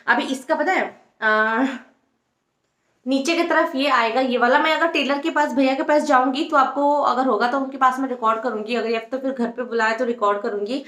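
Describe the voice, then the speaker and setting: A chatty young woman with a high voice talks to her viewers in a casual home vlog. Her lines carry a fair amount of room echo. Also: moderate pace, fairly bright tone. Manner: chatty, mixes in English words, talks to viewers as "guys". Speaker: vlogger. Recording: echoey room.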